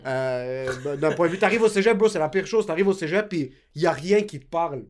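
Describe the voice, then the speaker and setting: Young Québécois man, co-host, rapid slangy banter, voice sitting a bit high. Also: animated, slight background noise. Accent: Québécois French. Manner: loose slangy talk mixing in English words. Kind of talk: casual chat.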